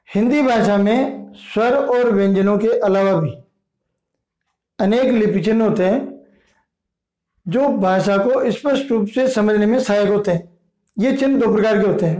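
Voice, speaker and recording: A man with a high, mellow voice explains a grammar lesson. He names each term slowly and deliberately, one at a time. The sound is roomy and echoey. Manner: slow, deliberate listing of terms. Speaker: teacher. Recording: echoey room.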